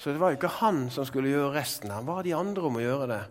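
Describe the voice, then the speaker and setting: A man preaching a sermon in a relaxed, conversational way, with filler words, who now and then rises to loud proclamations. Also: mid-range voice, big-room sound.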